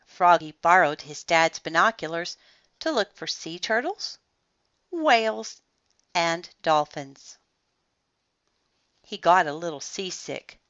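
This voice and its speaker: A woman reading a bedtime picture book aloud, taking her time over every line with a very unhurried pace. Her bright voice swings up and down with plenty of expression. The recording is dry and slightly muffled. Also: on the low side, animated, no echo. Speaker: storyteller. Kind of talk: bedtime story read-aloud.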